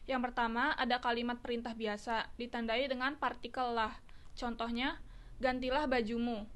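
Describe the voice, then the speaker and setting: A woman student reading out a class presentation in a steady, list-like way. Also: on the high side, moderate pace.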